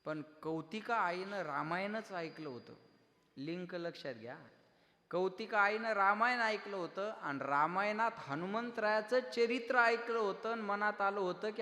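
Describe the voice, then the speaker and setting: A man preaching a kirtan sermon, loudly declaiming, acting out dialogue and breaking into sung verses. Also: high-pitched. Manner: loud, declaiming, acts out dialogue, breaks into song. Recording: echoey hall with music.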